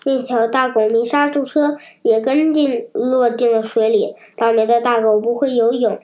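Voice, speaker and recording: A woman narrating a children's story aloud in a lively, expressive storytelling way. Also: a little high, moderate pace.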